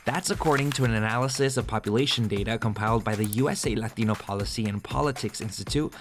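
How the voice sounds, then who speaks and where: A man's voice: fairly low pitch, quick pace, soft background music. Man narrating a scripted explainer. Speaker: host and video journalist.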